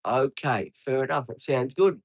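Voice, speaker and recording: A man's voice: mid-range voice, measured pace, no room sound. A man, live streaming outdoors beside traffic and chatting casually with viewers, rambling with many ums and answering people by name. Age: 50s.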